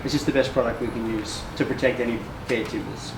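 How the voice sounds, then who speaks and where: An Australian man talks casually as a tradesman explaining a job on site. His mid-pitched voice sits away from the microphone in an echoey, noisy room. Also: fairly even intonation, fast. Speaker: tradesman painter. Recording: distant, echoey room with clear background noise.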